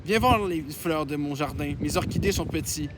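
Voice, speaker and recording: Know-it-all godmother lecturing flatly, read by a guy, highish voice. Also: normal speed, slight background noise, close to an everyday voice.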